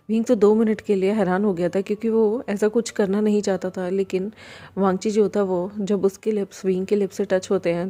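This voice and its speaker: A woman narrates a romance story with a steady, even delivery. Her voice is mellow and warm, at a middle pitch. She reads at an easy pace. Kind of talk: fan fiction story narration.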